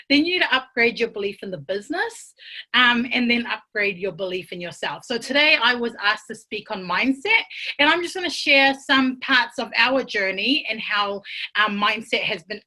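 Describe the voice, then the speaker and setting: A woman's voice: on the high side, sharp tone. A woman in her thirties, from Tonga, giving an earnest, emotional talk from home over a video call, with many fillers and restarts. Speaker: business speaker. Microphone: computer mic on a video call.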